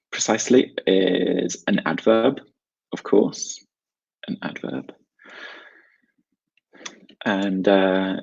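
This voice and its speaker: Gravelly, low-voiced South London man teaching. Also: a little mellow, highs cut off. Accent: South London English. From South London, England. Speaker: English teacher and webinar host. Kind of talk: informal online lesson addressed to viewers.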